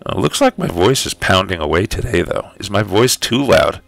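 A man's voice: low voice, lively intonation, moderate pace, gravelly, fairly bright tone. A man hosting a casual livestream, chatting with viewers about his audio levels and setting up a writing sprint, with lots of fillers.

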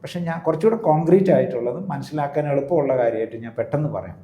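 A man's voice: on the high side, expressive, very fast, mellow. A priest explaining his views in an interview, in a teacherly way, often checking with the listener. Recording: roomy echo.

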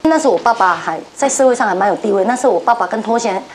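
A woman's voice: a little high, animated, racing, slight background noise, low-quality recording. A woman in her forties on a talk show, animatedly telling a story and acting out the voices. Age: 40s. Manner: acts out voices and gasps while telling a story.

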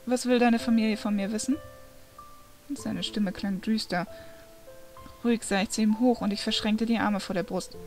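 A woman reading a fantasy novel aloud, narrating in the first person with steady, expressive storytelling. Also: fairly high pitch. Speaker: reader.

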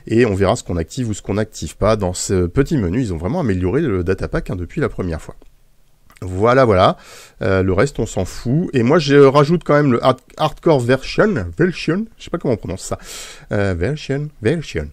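A man's voice: fairly low pitch, lively intonation, a little fast, dry recording. A man hosting a gaming video in casual, playful commentary, with many hesitant fillers. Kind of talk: casual let's-play commentary.

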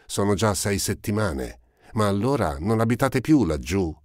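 A man reading an audiobook, voicing a poor, ragged teenage girl who talks eagerly and rambles, in a raised girlish pitch. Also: big pitch swings, normal speed, darkish tone, no echo, clean studio sound. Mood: chattering.

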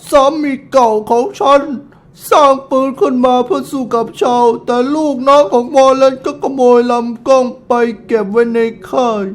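A man's voice: extremely high pitch, steady tone, normal speed, voice pushed up. A man voicing an old widowed woman in a game, reading her lines in a dramatic, mournful way. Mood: proud, wistful. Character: old widowed woman, proud of brave late husband.

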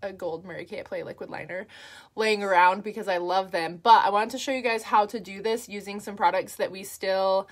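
A woman's voice: mid-range voice, fairly even intonation, fairly quick. A woman talking through a makeup tutorial in a chatty, upbeat way, with lots of fillers as she works. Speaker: makeup artist.

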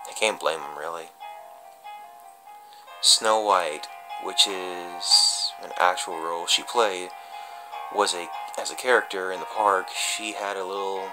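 In a low voice, a man gives an amateur dramatic reading of a horror story framed as a confessional. He halts and stumbles, leaving long drawn-out pauses. The audio quality is poor.

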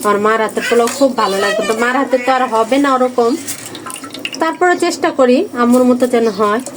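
A woman's voice: on the high side, fast talker, a little hiss or hum, low-quality recording. Woman explaining her cooking over sizzling oil. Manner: gentle, explains step by step. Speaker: vlogger's sister, cook. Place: home kitchen. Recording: kitchen recording with loud frying sizzle.

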